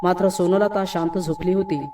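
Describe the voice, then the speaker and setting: A woman's voice: fairly low pitch, fairly even intonation, moderate pace, far from the mic, background noise. A woman reading a scripted horror story aloud, speaking every character's lines in her own voice. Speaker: narrator.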